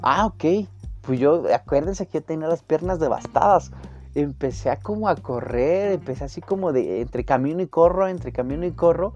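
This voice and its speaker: A young Mexican man tells a casual, slangy story and acts out everyone's lines. His voice is mellow and dark. The audio is dull and muffled, with faint music underneath. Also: fairly high pitch, normal speed. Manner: slangy, lively storyteller who acts out the dialogue.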